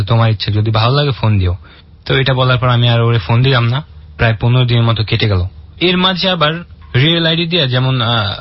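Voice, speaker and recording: A man's voice: medium pitch, no echo, highs cut off. A young man from in Bangladesh, casually telling a long personal story with many fillers and restarts. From Barishal, Bangladesh. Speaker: guest telling his story.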